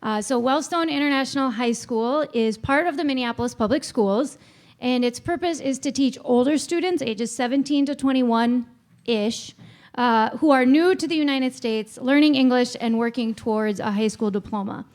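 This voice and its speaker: Lady running a church panel, kinda high voice, chatty and friendly, mic in hand. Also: moderate pace. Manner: warm, chatty, small self-aware laughs. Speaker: panel moderator, teacher. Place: church hall. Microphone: handheld microphone.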